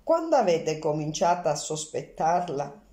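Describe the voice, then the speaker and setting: A woman's voice: low voice, big pitch swings, measured pace, warm tone, reverberant. A woman voicing a sensible male companion of a detective in an audiobook, speaking dryly.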